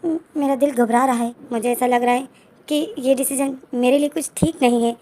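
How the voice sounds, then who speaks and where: A worried young woman pleads and argues in a pitched-up, raised voice, as a woman narrator puts her on. She sounds urgent and close to tears, a storybook girlfriend. The tone stays soft and warm underneath. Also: fairly even intonation, normal speed, lightly acted. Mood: anxious.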